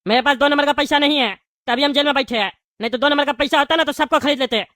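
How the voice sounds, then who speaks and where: Woman as bald cartoon politician man: boastful, cowardly, quick and shrill, dry sound. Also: fairly bright tone, no room sound. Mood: blustering. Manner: whiny, blustering then grovelling. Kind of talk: cartoon voice acting.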